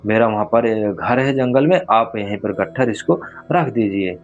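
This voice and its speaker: A man voicing a frail old village grandmother who talks slowly and sweetly, in a told horror story. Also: lowish voice, lo-fi sound, natural voice. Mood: coaxing.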